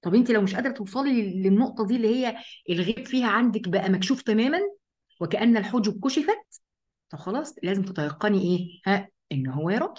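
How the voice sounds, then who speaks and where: A woman with an Egyptian accent leads a Quran study lesson at a brisk clip. She keeps her listeners engaged by posing questions and answering them herself, addressing her female audience directly. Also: medium pitch. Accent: Egyptian Arabic. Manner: lively, asks and answers her own questions. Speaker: religious teacher.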